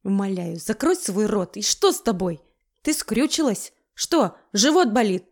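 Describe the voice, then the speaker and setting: Here a woman takes on the role of a cranky middle-aged future father-in-law who snaps short, barking commands in a gruff mood. Her own voice sits at medium pitch with a darkish, sing-song quality, and she keeps a measured pace.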